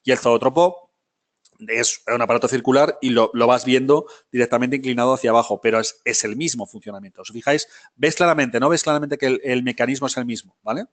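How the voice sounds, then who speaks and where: A man's voice: medium pitch, fast. A man teaching a film history class live, talking casually, often checking in with his students and correcting himself as he goes. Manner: many fillers and self-corrections.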